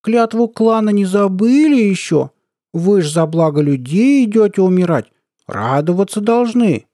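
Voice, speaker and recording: A man voicing a mocking, sly middle-aged army colonel who talks in a squeaky, lisping, cooing baby-talk voice. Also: expressive, a little slow, dark tone, no room sound, studio quality. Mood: cooing mockery. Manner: mocking, taunting.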